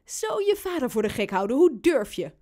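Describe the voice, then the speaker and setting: A sleepy, teasing father from a children's storybook, voiced by a woman reader. He talks in a mock-stern, joking way with a lively, bouncing pitch. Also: normal speed.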